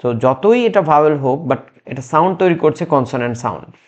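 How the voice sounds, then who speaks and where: A man's voice: fairly high pitch, lively intonation. Patient male grammar teacher, muffled sound. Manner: slow, patient explaining with many restarts and fillers. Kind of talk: recorded classroom lesson.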